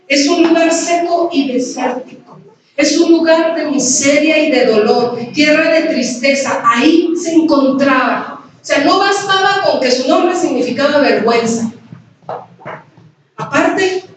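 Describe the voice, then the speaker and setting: A woman's voice: high voice, unhurried. A woman pastor with a Mexican Spanish accent preaching at a women's conference, talking conversationally and asking the audience questions. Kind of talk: sermon. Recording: very echoey hall, distant mic, faint noise.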